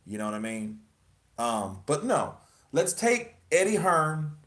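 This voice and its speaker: A man's voice: fairly high pitch, big pitch swings, takes it slowly, fairly bright tone. A man hosting casual boxing commentary, emphatic and profane, firing off rhetorical questions. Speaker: boxing news host.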